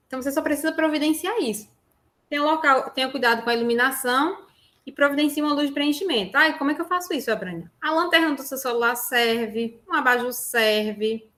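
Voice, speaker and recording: A Brazilian woman gives an online workshop from home, talking into a lapel mic. Her voice sits a little high and sounds bright and clear. She explains things in a chatty way and keeps checking in with tag questions. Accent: Brazilian Portuguese. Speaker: workshop presenter. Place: room at home. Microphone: lapel mic on a phone.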